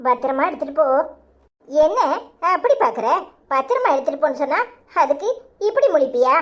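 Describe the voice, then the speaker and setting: A young village wife in a Tamil cartoon, with a Tirunelveli accent. Her voice sits high and bright, and she talks earnestly, turning to sharp scolding. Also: big pitch swings, a little fast. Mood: worried. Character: trusting young wife turned angry. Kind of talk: cartoon voice acting.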